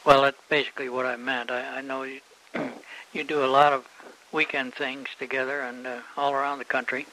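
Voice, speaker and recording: Bright-voiced male interviewer. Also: medium pitch, little pitch movement, normal speed, slight background noise, low-quality recording. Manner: brief acknowledgements, hesitant questions. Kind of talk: casual interview.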